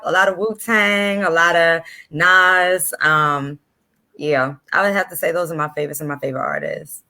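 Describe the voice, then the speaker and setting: A woman guest on a casual panel chat, speaking in a relaxed way with many fillers. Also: on the low side. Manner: relaxed, filler-heavy speech.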